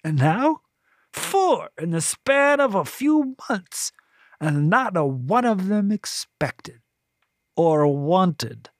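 A narrator voicing a pompous, bitter middle-aged woman high priestess who talks in a haughty, drawn-out sneer. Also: big pitch swings, dry recording, clean studio sound, exaggerated voice. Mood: scornful.

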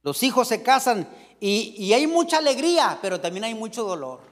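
A man's voice: high voice, sing-song, normal speed, a bit bright, big-room sound. A middle-aged man preaching a sermon in a folksy, joking way, calling out to the congregation again and again.

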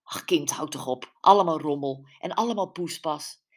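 A woman's voice: low voice, moderate pace. A woman voicing a fussy older mother from a village who grumbles and scolds, read in an audiobook. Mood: grumbling. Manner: scolding, complaining.

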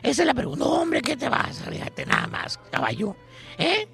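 A man with a Mexican accent doing a high, gravelly comic voice, telling a mocking story in a radio comedy sketch. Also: wildly swooping pitch, normal speed, bright, forceful tone, soft background music, exaggerated voice.

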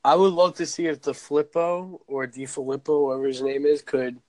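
A man's voice: on the high side, flat delivery, normal speed, a little mellow, no echo. Young man with a dry, close sound. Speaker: podcast co-host. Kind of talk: casual sports chat.

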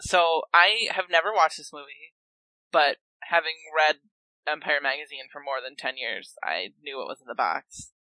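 Bright, dry-voiced chatty co-host. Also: mid-range voice, moderate pace, no echo, rough recording. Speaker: podcast co-host. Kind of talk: casual chat.

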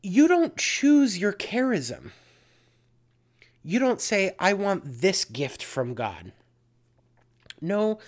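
Casting: earnest, unhurried faith talk host with a lively, rising and falling delivery. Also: mid-range voice. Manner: slow, earnest, repeats key phrases. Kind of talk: spoken spiritual reflection.

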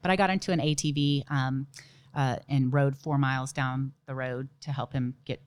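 A woman's voice: a bass voice, fairly even intonation, moderate pace, no echo. A young adult woman, a nurse and ultrarunner, telling stories in a casual interview, laughing easily. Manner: chatty storyteller, laughs often, many "like" and "you know". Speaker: ultramarathon runner and nurse guest.

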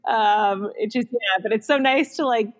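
At a normal pace and with a voice on the high side, a woman in her thirties chats loosely with her podcast co-host. Laughter comes often, as do plenty of likes and ums.

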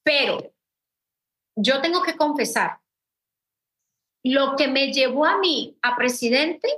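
A woman's voice: sits high, animated, takes it slowly, a bit bright, poor audio. A middle-aged woman giving a mentoring talk, emphatic and repetitive, speaking straight to her listeners. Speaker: mentor in a network-marketing business. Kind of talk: mentoring talk, personal advice.

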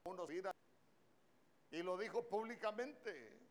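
A male preacher with a Honduran Spanish accent delivers a church sermon. His voice sits a little higher than most men's, and he keeps firing questions at his listeners. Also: a little slow. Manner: animated, questioning the congregation.

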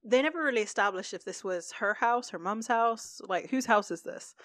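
A woman's voice: medium pitch, normal speed, fairly bright tone. A woman co-hosting a podcast, chatting casually about a TV episode, laughing often and using many fillers. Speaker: podcast co-host. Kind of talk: casual chat recapping a TV episode.

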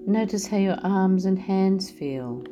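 A woman leading a guided meditation, speaking softly and soothingly as she talks the listener through relaxing the body. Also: medium pitch, animated. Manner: slow, soft and soothing. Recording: soft music underneath.

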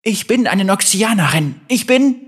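A man's voice: high-pitched, lively intonation, unhurried, a bit bright, breathy edge, pitched above the performer's own voice, full character voice. A man voicing an earnest, shaken young woman soldier in a storybook reading, pleading and strained. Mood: tense.

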